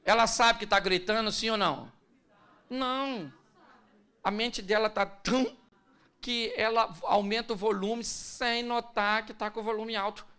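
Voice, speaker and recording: Male pastor, bright forceful voice, conversational sermon with acted-out scenes. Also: sits high, unhurried, clean tone. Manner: conversational, joking, acts out scenes.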